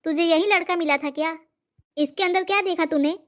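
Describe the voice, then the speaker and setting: Woman doing a cranky old cartoon amma, high voice, yelling insults at her son. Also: brisk. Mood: angry interrogating. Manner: scolding, shouting insults. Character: scolding old mother, sharp-tongued and fierce. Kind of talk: cartoon comedy voice acting.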